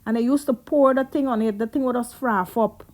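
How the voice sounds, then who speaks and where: A woman's voice: fairly high pitch, a little fast, a little mellow. A Guyanese woman telling childhood stories in a chatty, reminiscing way, slipping into Creole as she goes. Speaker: vlogger. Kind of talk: casual storytelling.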